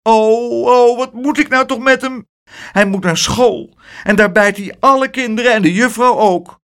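A man's voice: a little slow, fairly bright tone, smooth, full character voice. A man voicing a fussy, exasperated older aunt in a children's story. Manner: high, fretting exclamations.

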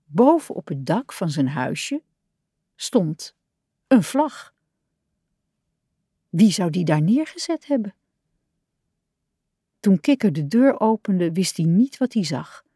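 Woman reading a kids' story, slow and lively, dry close sound. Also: fairly low pitch, slightly rough, no room sound. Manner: gentle, expressive storytelling. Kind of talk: reading a children's picture book aloud.

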